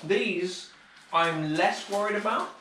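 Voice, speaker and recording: Young man, co-host, high-ish voice, mock-dramatic banter, roomy kitchen sound. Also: takes it slowly, sharp tone, slight background noise. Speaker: co-host baking with his brother. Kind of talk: casual joking chat. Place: home kitchen. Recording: roomy kitchen, mic at a distance.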